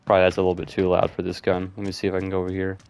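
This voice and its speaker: A man's voice: sits low, monotone, very fast, noisy background. A man giving casual, rambling gameplay commentary, thinking aloud with lots of fillers. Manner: rambling, loose, with frequent fillers like "and stuff".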